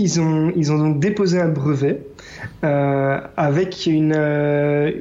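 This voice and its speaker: A man explaining a tech news item in a measured way, with some hesitation. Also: fairly high pitch, darkish tone. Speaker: podcast guest contributor. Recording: dull lo-fi sound.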